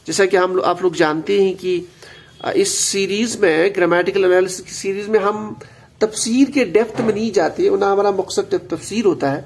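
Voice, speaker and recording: High gravelly male grammar teacher. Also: slight background noise. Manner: patient, repeats key words, mixes in English terms. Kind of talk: explanatory lesson.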